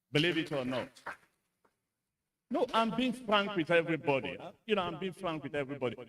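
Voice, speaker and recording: A man's voice: on the high side, a bit bright, recorded from a distance. A man with a Nigerian English accent giving a frank, conversational conference speech to senior civil servants, with frequent fillers. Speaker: speaker at a civil service retreat. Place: conference hall.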